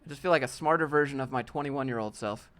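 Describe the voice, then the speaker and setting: A fast-talking man with a medium-pitched, fairly bright voice reads viewer questions aloud during a laid-back live-stream Q&A. He's in his late twenties, sounds youthful, and keeps things joking.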